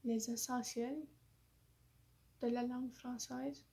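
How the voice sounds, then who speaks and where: A woman talks slowly through a casual vlog, her French carrying an English-influenced accent. Her slightly high voice sounds mellow and flat in pitch. She pauses often on fillers and apologizes, self-conscious about how she speaks. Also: vocal fry. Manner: hesitant, searching for words, many fillers. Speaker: vlogger.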